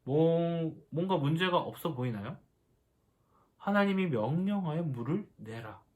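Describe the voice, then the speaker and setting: A man leads a children's worship lesson, asking the kids question after question. His voice sits a bit high for a man and rises and falls a great deal as he talks. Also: a little slow. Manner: animated, asks the children questions. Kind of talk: children's sermon.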